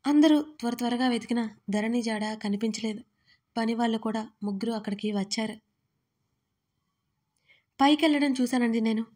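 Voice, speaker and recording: A woman narrating a dramatic story in an expressive, measured reading style for her channel. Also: a little high.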